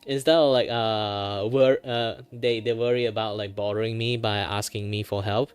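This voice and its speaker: A man hosting a livestream, chatting casually in a rambling, animated way. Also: on the low side, normal speed, clean tone, soft background music. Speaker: livestream host.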